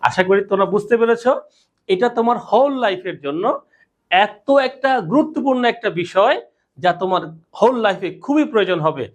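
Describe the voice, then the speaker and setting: Woman, English teacher, classroom lesson, quizzing and drilling, mid-pitched voice. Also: expressive, a little fast. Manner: drilling and quizzing students with repeated questions.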